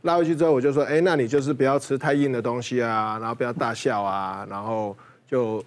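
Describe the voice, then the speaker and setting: A man who is an emergency doctor on a TV studio panel, telling a patient story in casual chat. He tells it briskly and chuckles through the punchlines. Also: medium pitch, steady tone.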